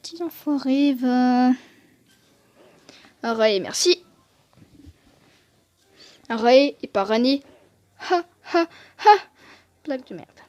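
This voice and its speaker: A woman with a high-pitched voice chatting through her gameplay, joking and poking fun at herself. She talks close to a desk microphone, and the sound is dry, with no room echo. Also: slow pace, long pauses, darkish tone, lo-fi sound. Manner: joking, chatty, self-mocking. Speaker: gaming video host. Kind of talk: casual gameplay commentary.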